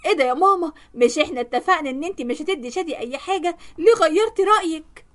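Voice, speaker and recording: A woman's voice: high voice, expressive, a little fast. A woman voicing a spiteful, quarrelsome young sister-in-law who talks angrily. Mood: shouting. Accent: Egyptian Arabic. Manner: angry, shouting.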